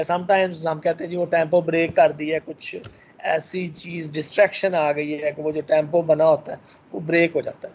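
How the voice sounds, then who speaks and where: Man lecturing, slightly high, lo-fi. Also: a little mellow. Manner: lecturing with frequent fillers and English phrases. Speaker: teacher. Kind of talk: recorded lecture.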